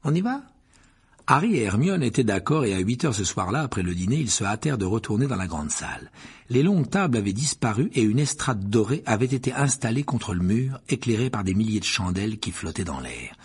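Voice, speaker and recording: A man narrating an audiobook with an expressive reading style. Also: lowish voice, brisk, husky.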